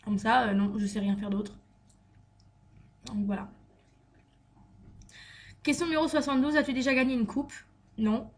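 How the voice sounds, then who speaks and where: A woman's voice: a little high, normal speed, long pauses. A young woman from France chatting through a vlog question list, with many fillers and restarts. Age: young adult. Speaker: beauty vlogger. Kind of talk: casual Q&A tag vlog.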